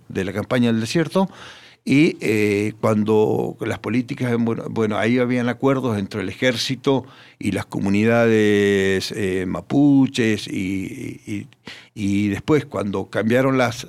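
Gravelly man, halting storyteller. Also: on the low side. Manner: hesitant, many fillers and restarts. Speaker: guest. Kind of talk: casual radio interview.

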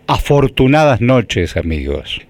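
A man's voice: mid-range voice, sing-song, takes it slowly, dry recording. A man in his seventies with an Argentine Spanish accent, interviewing a guest on the radio with effusive, prompting questions. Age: 70s.

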